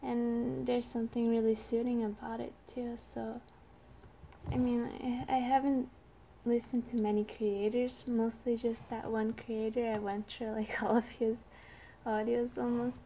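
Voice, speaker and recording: A young woman with a youthful, lightly high voice and a Quebec French accent from her native French. She talks slowly in a casual, shy, hesitant way, as if chatting to her listeners. Some background noise sits behind her. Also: level tone, dark tone. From Canada. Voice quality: youthful-sounding voice. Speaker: amateur audio creator.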